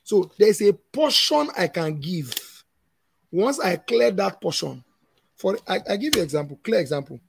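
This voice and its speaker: A man's voice: high voice, sing-song, moderate pace, gravelly, a little hiss or hum. A man in his thirties with a Nigerian English accent, answering questions as a conference speaker in an emphatic, preachy way, often laughing.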